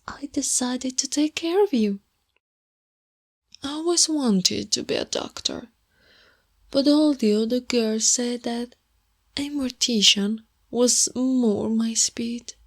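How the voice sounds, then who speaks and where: An Italian woman voices a sweetly menacing, obsessive goth girlfriend in ASMR roleplay, cooing softly and possessively and often slipping into whispers. Her pitch is on the high side, and she speaks slowly with frequent pauses.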